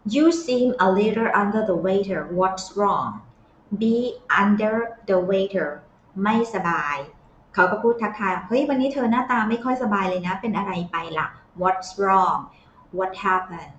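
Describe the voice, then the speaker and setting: Slow, patient woman English teacher. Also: mid-range voice, lively intonation, fairly bright tone, slight background noise. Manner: explains patiently and reads English phrases slowly. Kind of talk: Thai English lesson explaining phrases. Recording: echoey, slightly dull sound.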